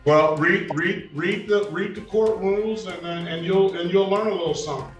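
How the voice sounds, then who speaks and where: A firm, curt judge is heard over a video conference call, his slightly high voice coming through echoey and set back from the microphone. He repeats himself as he cuts in. Faint music sits underneath. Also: steady tone, normal speed, recorded from a distance. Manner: firm, curt, repeats words when cutting in. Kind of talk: presiding over a virtual court hearing.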